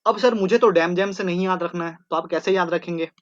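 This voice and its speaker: A man's voice: high voice, a little fast, fairly bright tone, no room sound, lo-fi sound. A man teaching an online exam-prep class, drilling terms by repetition and joking between them. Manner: repeats terms in chanted drills, jokey asides.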